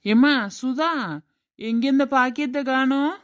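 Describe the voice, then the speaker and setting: A woman's voice: sits high, fairly even intonation, measured pace, clear, resonant tone, no echo, studio quality. A woman voicing a stern middle-aged village father in a cartoon drama, questioning and scolding his family. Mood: grumbling.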